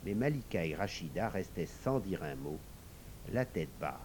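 A man narrating a children's story aloud in a hushed, lowered tone. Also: lively intonation, moderate pace, a little hiss or hum.

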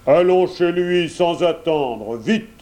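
A man's voice: fairly high pitch, animated, slow pace, mellow, voice pushed up. A man voicing a greedy, vengeful wolf in a children's story, growling and pleading. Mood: grumbling.

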